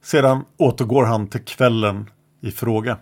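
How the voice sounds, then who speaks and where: A man's voice: medium pitch, steady tone, darkish tone. Sober male true-crime narrator. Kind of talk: reading a true-crime account.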